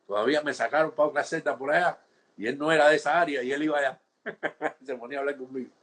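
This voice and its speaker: A man's voice: fairly high pitch, fast. A man in his sixties with a Cuban accent, telling stories in an interview and acting out what others said to him. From Cuba. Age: 60s. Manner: animated storytelling, acts out quoted guards, frequent restarts and "¿entiendes?". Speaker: interviewee, former political prisoner. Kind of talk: conversational interview storytelling.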